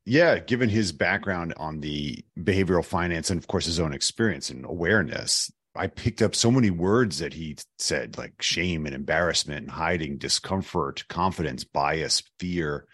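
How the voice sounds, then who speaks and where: A man with a very low, hoarse voice co-hosts a conversational podcast. He sounds raspy, as if his voice is nearly lost, and the recording is dry and close. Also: normal speed, hardly any pauses, a bit bright, no echo. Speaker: podcast co-host. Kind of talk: conversational discussion of financial advising.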